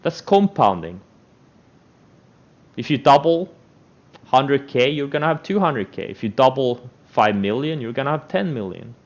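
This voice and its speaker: A man's voice: mid-range voice, expressive, unhurried, long pauses. A man giving an unscripted motivational trading rant, speaking in a blunt, emphatic and repetitive way. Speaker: stock trader giving trading advice. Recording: dull, lo-fi microphone sound.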